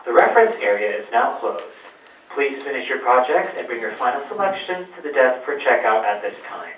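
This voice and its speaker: Pa loudspeaker announcer, a man, formal and measured, lively rise and fall, booming from far off in an echoey room. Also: slight background noise. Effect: public address loudspeaker announcement. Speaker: library closing announcement. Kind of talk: recorded public announcement.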